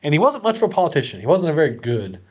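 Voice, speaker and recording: A man's voice: fairly high pitch, sing-song, very fast, a little mellow. A man co-hosting a podcast in casual chat, earnestly explaining points and often restarting his sentences. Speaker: podcast co-host.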